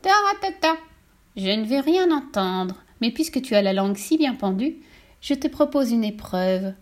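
A woman voicing a spiteful old female witch with a thin, sour, shrill voice, mocking and gloating in a storybook reading. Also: expressive, moderate pace, natural voice. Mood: scheming.

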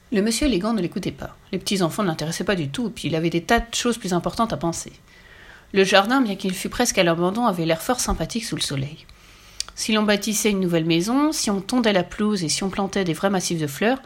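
Expressive woman reading a children's story. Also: medium pitch. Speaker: narrator. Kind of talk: children's audiobook narration.

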